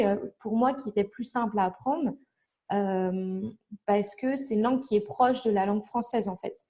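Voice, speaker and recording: A woman with a mellow, mid-range voice chats in a casual interview as a guest who blogs about language learning. She's chatty, with many fillers and restarts, and explains things through examples.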